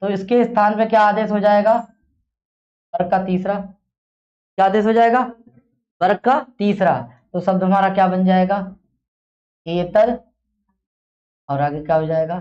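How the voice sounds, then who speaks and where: A grammar lesson is led by a male teacher whose high voice is steady in tone and slightly mellow, his delivery a little slow with long pauses. He repeatedly asks his students the same questions, on a dull lo-fi recording.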